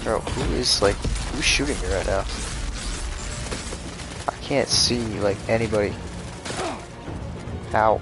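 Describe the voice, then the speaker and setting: A low-voiced man with a gravelly edge to his talk narrates his gameplay live. He mutters and reacts with casual frustration. Faint game music plays underneath. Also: slow pace, long pauses. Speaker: streamer playing a video game.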